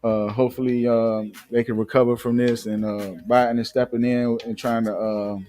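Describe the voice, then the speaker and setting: A man's voice: medium pitch, flat delivery, moderate pace, dark tone. A man hosting a live show, chatting casually and reading news aloud with many fillers and restarts. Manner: loose, filler-heavy, restarts often. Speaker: show host. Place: Atlanta.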